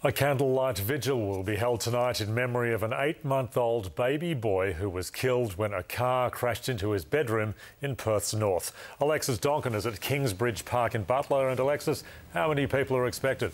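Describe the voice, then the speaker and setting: Australian male news anchor, mid-pitched voice. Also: normal speed. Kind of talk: scripted news reading.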